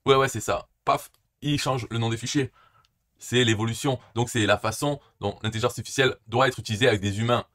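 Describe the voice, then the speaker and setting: A man's voice: mid-range voice, fairly even intonation, brisk, fairly bright tone. A man giving a casual, rambling commentary on a coding tool, joking and restarting his sentences often. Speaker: YouTube tech presenter. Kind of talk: casual screen-recorded tech commentary.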